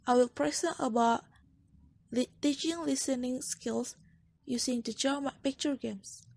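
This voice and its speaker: A young woman with an Indonesian accent, slowly and carefully reading a student class presentation, restarting words now and then. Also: high-pitched, gravelly, darkish tone, dry recording. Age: young adult.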